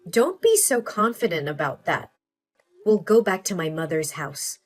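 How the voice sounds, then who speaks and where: A woman playing a calm, defiant mother. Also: on the low side, faint music behind. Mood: firm. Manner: calm, measured, quietly defiant. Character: devoted mother and fed-up wife, calm and firm.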